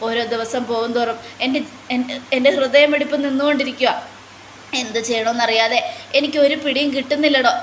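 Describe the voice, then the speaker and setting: A woman's voice: sits high, fairly even intonation, a little fast, slight background noise, close to an everyday voice. A woman voicing a frightened male shop worker and father of two who stammers and pleads anxiously. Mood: fearful pleading.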